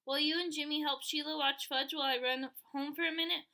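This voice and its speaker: A woman's voice: high voice, fairly even intonation, a little fast, sharp tone, voice pushed up. A woman voicing a fussy, doting mother who frets over her little boy. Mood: anxious. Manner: anxious and fussing.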